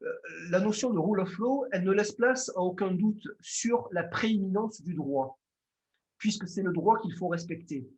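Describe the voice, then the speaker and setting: A man's voice: high-pitched, normal speed, a little mellow. A man with a Marseille accent giving a formal conference lecture as a lawyer, hesitant, with frequent fillers and restarts.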